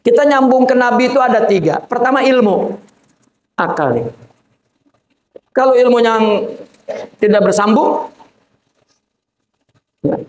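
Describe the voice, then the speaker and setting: A man's voice: extremely high pitch, lively intonation, a little slow, long pauses. A man, a sheikh, giving an informal religious sermon to a gathering, talking colloquially with joking asides and addressing listeners directly. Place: Islamic boarding school gathering. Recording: echoey room.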